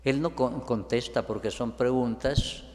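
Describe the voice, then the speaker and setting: A man preaching a sermon as a priest, whose voice rises higher and stronger when he quotes biblical figures. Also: steady tone, measured pace, a little mellow. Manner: preaches with rising pitch and force when quoting biblical figures. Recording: long reverb in a large hall.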